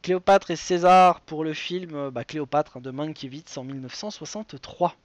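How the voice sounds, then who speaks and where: A man's voice: on the high side, normal speed, dry recording, highs cut off. A man hosting a live web quiz show, chatty and digressive, reading questions and wandering into side stories with many fillers.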